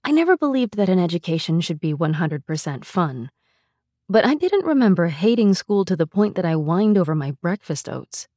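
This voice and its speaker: A woman narrating her memoir as a mother, in a calm, reflective storytelling manner. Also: on the low side, moderate pace, no room sound, studio quality.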